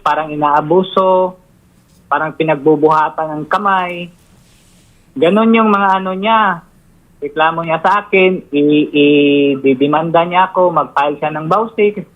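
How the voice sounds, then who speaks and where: A man's voice: fairly high pitch, lo-fi sound. A man in his forties answering on a call, evasive and deferential. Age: 40s. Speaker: accused husband on call.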